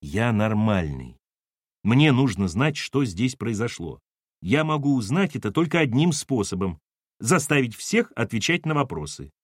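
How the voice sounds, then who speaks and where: A man voicing a calm, methodical man who questions everyone, in an audiobook. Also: medium pitch, dry recording, studio quality. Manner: measured, dryly questioning.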